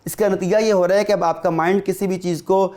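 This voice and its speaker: Man, somewhat high voice, earnest guest lecturer, emphatic, rhetorical questions. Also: fairly even intonation, darkish tone. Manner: emphatic, rhetorical questions, mixes in English words. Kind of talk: earnest explanatory podcast talk.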